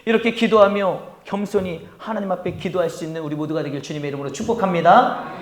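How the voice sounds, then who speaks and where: A man preaching a Sunday sermon as pastor, swinging from hushed tones to loud calls to the congregation and acting out pleading prayers. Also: sits high, quick pace. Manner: acts out pleading voices in quoted prayers. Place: church sanctuary. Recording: echoey church hall.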